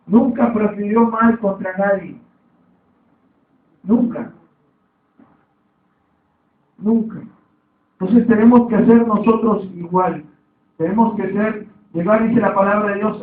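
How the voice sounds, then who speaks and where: A man with a high voice preaches a sermon, circling back to the same points and prompting the room with amens. He sounds distant and roomy, as if heard through a narrow, phone-like line from the back of a church hall. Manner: repetitive, calls for amen.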